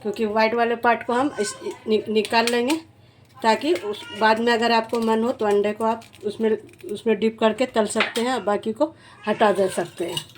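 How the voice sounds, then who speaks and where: A woman's voice: fairly high pitch, steady tone, moderate pace, slight background noise. Homely woman demonstrating a home recipe. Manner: homely, repetitive, restarts often. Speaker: cooking channel host.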